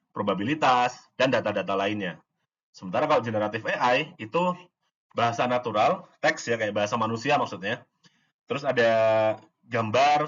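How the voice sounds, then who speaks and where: Husky man explaining AI casually. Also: medium pitch, a bit bright, lo-fi sound. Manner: informal, many fillers and restarts, acts out dialogue examples. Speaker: AI course instructor.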